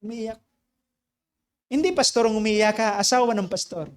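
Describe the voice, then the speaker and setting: A male pastor preaching a sermon. He switches between Tagalog and English mid-sentence and swings from loud exhortation to hushed storytelling. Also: high-pitched, moderate pace.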